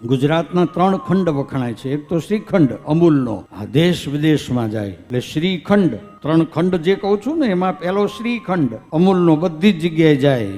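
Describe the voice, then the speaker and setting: A man's voice: a little high, lively intonation, moderate pace, few pauses, dark tone. A man from Saurashtra with a Gujarati accent, telling a devotional story sermon, reciting scripture verses in a singing lilt and then explaining them plainly. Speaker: religious storyteller. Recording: long hall reverb with faint music.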